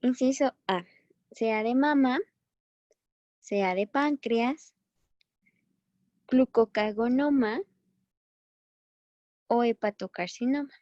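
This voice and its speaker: A woman's voice: on the high side, takes it slowly, pauses often, darkish tone, no echo, highs cut off. A woman teaching a biochemistry lesson in a chatty, encouraging way, often correcting herself as she goes. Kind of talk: recorded online class.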